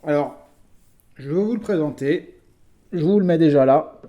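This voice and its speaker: A French man casually presents his toy vehicle collection in a video, chatty but hesitant, filling gaps with small sounds and many fillers. His slightly high voice is warm and mellow, at normal speed, with dull audio.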